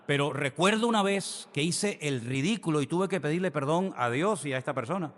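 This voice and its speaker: A middle-aged man delivers a sermon as a pastor, telling stories with lively shifts between hushed and emphatic moments. His voice sits somewhat high. The sound trails off into a long hall reverb. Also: a little fast. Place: church hall.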